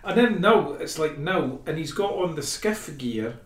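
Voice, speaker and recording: Roomy, animated man retelling comics. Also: on the high side, measured pace. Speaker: podcast co-host. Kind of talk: casual chat. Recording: roomy and distant from the mic.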